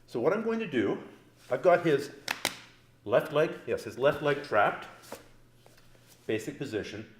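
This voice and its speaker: He speaks a little slowly, his mid-range voice sing-song, in a roomy training mat room with a bit of hiss or hum. As a grappling instructor, he demonstrates techniques on a partner, explaining each step in a casual, joking manner.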